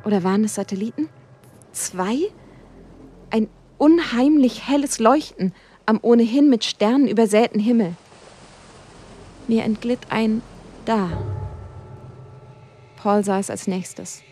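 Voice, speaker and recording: A woman narrating a suspense story in a slow, hushed, dramatic reading. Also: fairly high pitch.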